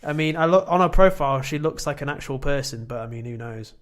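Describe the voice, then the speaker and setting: Man, podcast co-host, casual chat, slightly high voice, rambling, self-deprecating. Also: lively intonation, quick pace.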